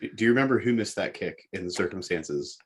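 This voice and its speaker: A man co-hosts a casual sports podcast, explaining things matter-of-factly. His voice is low, husky and expressive, and he talks quickly.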